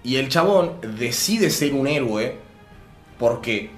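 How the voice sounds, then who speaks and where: A man's voice: medium pitch, animated, slow pace. Rioplatense male podcast co-host, rambling explainer, echoey room, faint music. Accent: Rioplatense Spanish. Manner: rambling, explains at length, laughs often. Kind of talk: casual chat.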